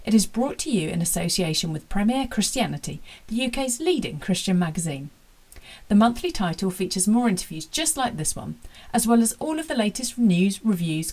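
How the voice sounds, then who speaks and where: A woman radio host delivers a smooth, scripted introduction. Her pitch rises and falls with lively variety, and a gravelly fry runs through her voice. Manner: polished, reads smoothly from a script.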